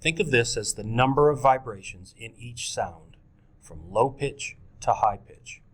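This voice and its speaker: A man's voice: mid-range voice, animated, measured pace. A man giving scripted instructional narration for teachers, speaking directly to them as folks. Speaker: presenter of a teacher training video.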